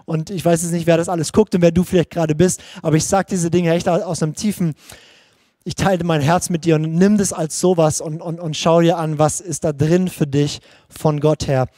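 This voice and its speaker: A man's voice: fairly high pitch, fairly even intonation, fairly quick, mellow, no echo, studio quality. A man preaching a livestreamed sermon in a personal, searching way, often restarting his sentences. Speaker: pastor.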